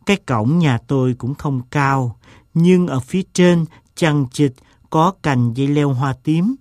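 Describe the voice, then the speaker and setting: A man voices an eccentric gentleman in a storybook reading. He tells his tale slowly and deliberately, with a self-mocking tone. The sound is close and dry. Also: a little high, no echo, close to an everyday voice. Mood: wry.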